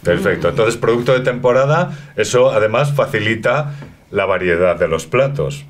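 A man's voice: fairly low pitch, animated, normal speed, a little hiss or hum. Jokey man hosting in a restaurant. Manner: theatrical, jokey. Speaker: co-host. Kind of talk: playful comic hosting. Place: restaurant dining room.

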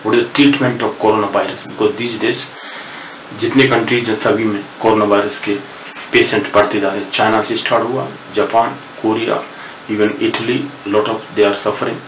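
An older man with an Indian English accent gives a slow, patient lecture, repeating and spelling out words as he teaches. His voice sits fairly low and comes from some distance away. It sounds like a noisy, echoey room. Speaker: professor teaching English word roots. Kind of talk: classroom lecture mixing Hindi and English.

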